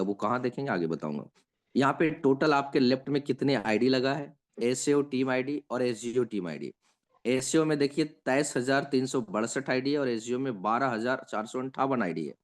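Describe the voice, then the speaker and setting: Man patiently explaining a screen tutorial. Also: mid-range voice. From India. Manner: patient step-by-step explaining, often checking in with listeners. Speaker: trainer explaining an app.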